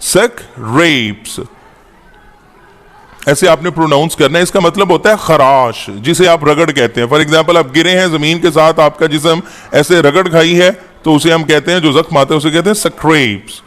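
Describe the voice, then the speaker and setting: A man teaching an English-to-Urdu lesson, slowly repeating each word and its meaning. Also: on the high side, a bit bright, big-room sound. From Pakistan. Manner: spells out words slowly, repeating each one.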